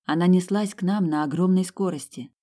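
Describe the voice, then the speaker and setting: Brief: expressive storyteller, first-person fantasy audiobook narration. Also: mid-range voice, fairly quick.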